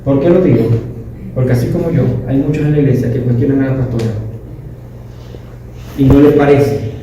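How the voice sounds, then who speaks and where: A man's voice: medium pitch, fairly quick, warm tone, slight background noise. Man giving an emphatic testimony in an echoey room. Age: 30s. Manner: emphatic, storytelling, self-correcting. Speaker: leadership class participant. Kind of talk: personal testimony. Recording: very echoey room, distant mic.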